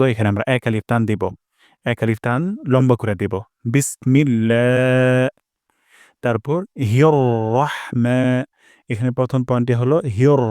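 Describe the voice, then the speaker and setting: Man, recitation teacher, patient step-by-step drilling, mid-pitched voice, dry close recording. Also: mellow, no room sound. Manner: patient, repeats sounds slowly for drill. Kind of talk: online pronunciation lesson.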